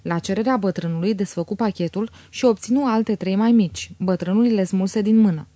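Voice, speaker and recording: A woman reading a novel aloud as an audiobook narrator, steady and measured. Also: mid-range voice, no echo.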